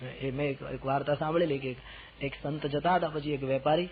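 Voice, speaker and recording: Man, devotional sermon, fairly high voice, tinny lo-fi old tape, faint hiss, emphatic storytelling. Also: steady tone, a little fast. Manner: rising emphatic exhortation with quiet asides. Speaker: preacher.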